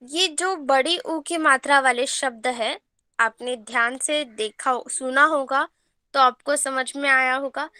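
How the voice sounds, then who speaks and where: A woman teacher giving an online Hindi lesson to children, reading words slowly and repeating them for her pupils. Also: high voice, sharp tone, no echo.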